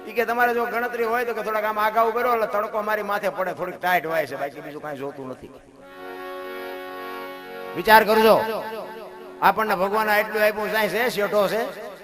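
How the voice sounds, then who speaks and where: A middle-aged man with a Kathiawadi Gujarati accent gives a folksy devotional talk, going from loud exclamations to low, quiet asides. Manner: folksy, addresses listeners as bapu. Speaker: devotional storyteller. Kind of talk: devotional folk discourse. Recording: live recording with instrumental music behind. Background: instrumental music.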